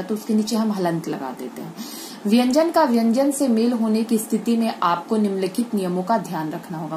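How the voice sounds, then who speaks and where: A woman's voice: mid-range voice, warm tone, slight background noise. A woman teaching a school grammar lesson online, explaining step by step and asking and answering her own questions.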